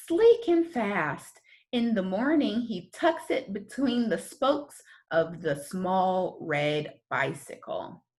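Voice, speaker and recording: In a mid-range voice, this woman narrates a children's tale like a storyteller. She shapes each line deliberately and expressively, adding dramatic stress.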